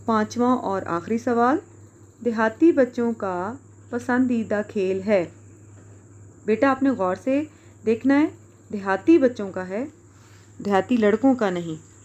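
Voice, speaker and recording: A woman teacher with a Pakistani Urdu accent, giving a recorded lesson to young pupils, speaking clearly and patiently and spelling out words letter by letter. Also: mid-range voice, a little mellow.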